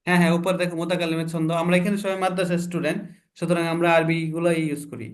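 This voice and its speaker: A man's voice: on the high side, fairly even intonation. A man teaching an online spoken English class, drilling sentence patterns and urging students to speed up. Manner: drills patterns, coaxes students to speak faster. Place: online video call.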